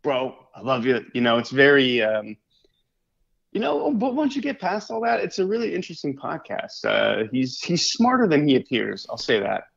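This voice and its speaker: A man co-hosts a podcast in loose, casual chat, laughing often and throwing in plenty of "dude" and "man." His voice has a gravelly, creaky edge. The recording sounds slightly dull and lo-fi. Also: a little high, wildly swooping pitch, normal speed, fairly bright tone. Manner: laid-back, laughs often, peppers talk with "dude" and "man". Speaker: podcast co-host.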